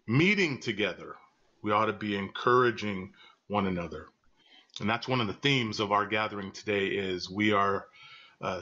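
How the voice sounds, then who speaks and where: An older man, a pastor, opening a church service and leading prayer in an earnest, unhurried way, pausing often, speaking at home over a video call. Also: fairly low pitch, pushed and bright. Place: home room, indoors. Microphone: webcam on a video call. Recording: dull lo-fi video call audio.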